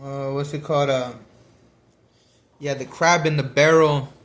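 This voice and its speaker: A man's voice: on the high side, steady tone, unhurried. A man talking casually about a book he is reading, rambling with many fillers and restarts while he eats. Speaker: vlogger discussing a book. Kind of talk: casual chat.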